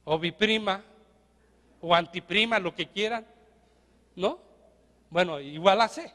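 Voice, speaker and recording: A man's voice: high-pitched, slow pace, pushed and bright, big-room sound. A man with a Mexican accent, a pastor giving a sermon in a conversational way, often asking the congregation questions. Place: church.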